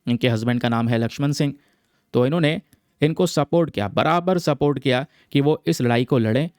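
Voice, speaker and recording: A man's voice: medium pitch, fairly quick, darkish tone, dry recording, studio quality. A man teaching exam students, explaining a newspaper article in a chatty way, mixing English terms into his talk and often checking in with viewers. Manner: chatty, addresses viewers as friends, repeats "theek hai"; mixes English terms into Hindi.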